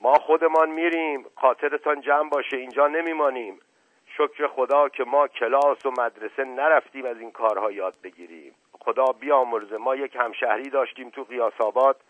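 A man's voice: hardly any pauses, no echo, natural voice. A man voicing an old male household servant with a folksy, rambling way of talking, in a narrow tinny recording. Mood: indignant. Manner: folksy, rambling, raised high excited voice. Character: rustic old male servant, meddling and excitable. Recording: narrow tinny phone-like sound, dry.

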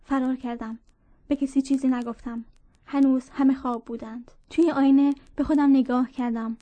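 A woman reading a story aloud in a measured narrating voice, speaking dialogue within the tale. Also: high voice, fairly even intonation, dark tone, dry recording. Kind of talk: audiobook narration.

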